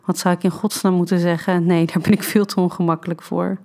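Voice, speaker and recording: Woman reading an erotic story out loud, lowish voice, pretty flat, calm. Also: quick pace. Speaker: narrator. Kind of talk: scripted first-person erotic story narration.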